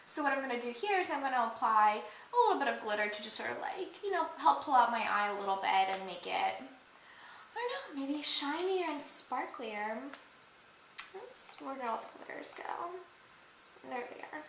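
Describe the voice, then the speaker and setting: A woman's voice: sits high, sing-song, normal speed. A young woman vlogging a joking makeup tutorial in a chatty, giggly way, full of fillers. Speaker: beauty and dance vlogger. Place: indoors at a mirror. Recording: echoey room with faint hiss.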